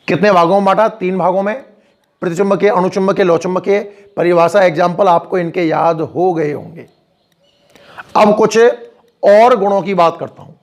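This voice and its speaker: A man teaching a physics lesson to students, often asking them questions and reassuring them as he explains from the board. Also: high voice. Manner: addresses students directly with frequent questions and encouragement. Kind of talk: classroom physics lecture. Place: school classroom with a board.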